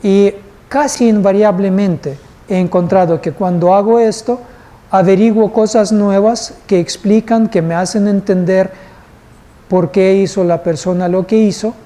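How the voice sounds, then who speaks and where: A man's voice: high-pitched, steady tone, a little slow, warm tone. A male instructor teaching a live class, patient and asking the group questions. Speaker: course instructor.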